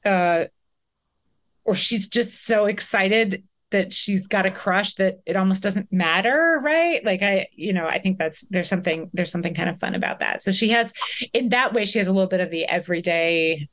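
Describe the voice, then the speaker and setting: A woman's voice: mid-range voice, moderate pace, fairly bright tone. Musing woman podcast co-host. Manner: thoughtful, musing, searching for words. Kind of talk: casual chat.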